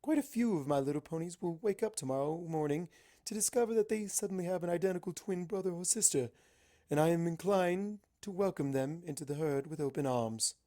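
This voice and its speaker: A woman voicing a calm, regal mare princess in a storybook reading, with measured, formal, motherly speech. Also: on the low side, lightly acted. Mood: serene, pleased.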